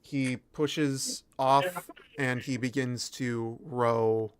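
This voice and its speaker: Slow, crisp man running a tabletop game. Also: mid-range voice, steady tone. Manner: halting, pausing mid-phrase. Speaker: game master. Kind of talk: improvised tabletop game narration.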